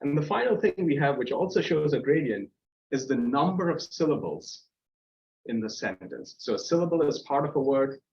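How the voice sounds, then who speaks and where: In dull audio, a man with a slightly high, darkish voice delivers an animated guest lecture at normal speed in a university seminar room. His explanations wander, with frequent fillers and restarts.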